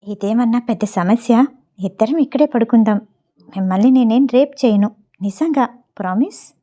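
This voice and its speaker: A woman's voice: on the high side, moderate pace, natural voice. A woman voicing a frank, coaxing young bride who keeps her voice down in a storybook reading. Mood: teasing. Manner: hushed, persuasive.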